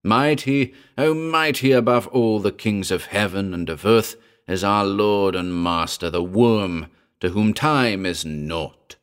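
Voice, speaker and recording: A fanatical worm-cult priest, voiced by a man, chants a fervent litany in a horror storybook reading. The voice is deep and the delivery slow and declaiming. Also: smooth.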